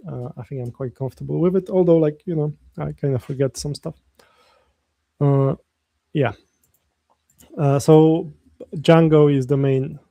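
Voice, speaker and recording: Gravelly yet warm, his mid-range voice comes through with no echo. He's from Poland and has a Polish accent, streaming himself coding while chatting loosely with viewers, wandering off on tangents, restarting sentences and reading the chat out loud.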